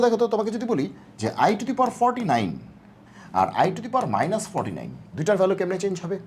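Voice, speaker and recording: A math tutor works through exam problems in a loose, chatty way. The voice swoops widely up and down, keeps throwing out questions and answering them, and sits at a middle pitch over faint background noise. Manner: asks and answers own rhetorical questions; casual, coaxing teacher talk. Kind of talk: exam-prep lecture.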